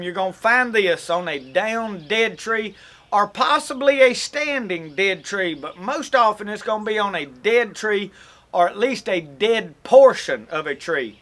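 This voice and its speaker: Folksy and rambling, the host of an outdoors channel, a Mississippi man with a Southern accent, explains how to do something in a casual way, fixing his own words along the way. His voice is high, bright and forceful.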